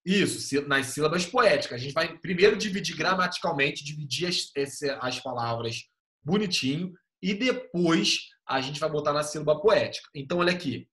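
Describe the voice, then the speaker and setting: A man's voice: fairly high pitch, expressive, moderate pace, pushed and bright. A young male teacher giving an online class over a computer mic, explaining step by step in a patient, casual way with easygoing slang.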